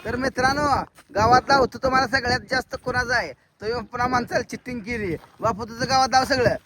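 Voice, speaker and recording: A man's voice: very high voice, brisk, a crowd in the background. A man, vlogging a children's contest and repeating instructions to them in a coaxing way. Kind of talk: casual outdoor vlog commentary.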